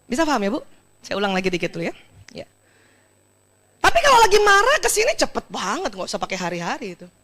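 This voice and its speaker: A woman speaks at an Islamic study session, her voice sitting high and swinging widely up and down. She talks straight to the women listening and laughs easily as she goes. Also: fast, pauses often. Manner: expressive, laughs often, speaks directly to listeners. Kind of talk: lively talk to an audience of women.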